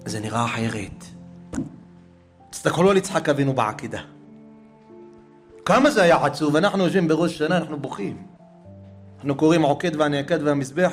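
A male preacher tells a story in a sermon, emotive and expressive. His voice sits slightly higher than most men's. It sinks to near-whispers at the saddest points and climbs again with fervor, with faint music behind him. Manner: emotive, swinging between hushed and raised.

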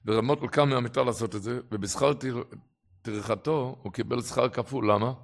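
A man preaching a religious sermon and telling stories, impassioned, with his voice swelling and dropping for emphasis. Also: mid-range voice. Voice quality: gravelly.

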